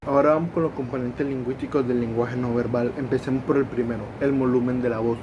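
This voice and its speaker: Male student presenting in class, hesitant and repetitive, with traffic rumble audible. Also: steady tone, fast, dull audio. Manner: repeats words and restarts while explaining.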